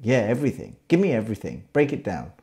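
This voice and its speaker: A man's voice: lowish voice, huge pitch swings, fast talker, dark tone. A man hosting a casual interview, asking questions in a chatty, upbeat way. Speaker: podcast host.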